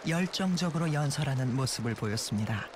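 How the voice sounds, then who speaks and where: A man reads scripted documentary narration in a measured, formal way. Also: mid-range voice, animated, noisy background. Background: loud background music.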